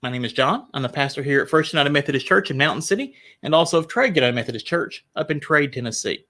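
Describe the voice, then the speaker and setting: Bright-voiced chatty pastor. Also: male voice, on the high side, animated, fast. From United States. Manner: chatty and rambling, with restarts and laughs. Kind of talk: casual livestream Bible study talk. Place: small church parlor room.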